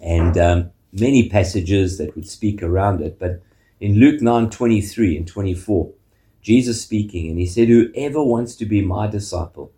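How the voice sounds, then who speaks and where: A South African man delivers a sermon as a pastor, speaking in a measured way and often closing his points with a questioning "eh?". His voice is lowish with a dark tone.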